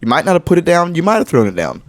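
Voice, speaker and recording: A man's voice: fairly high pitch, very animated, very fast. A young man co-hosting a podcast in laid-back casual chat, swearing freely and laughing often. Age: young adult. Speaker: podcast co-host.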